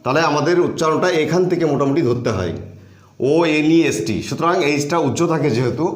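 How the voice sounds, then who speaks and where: A man's voice: a little high, fast. A man teaching a grammar lesson, explaining patiently step by step and repeating key phrases. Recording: echoey room.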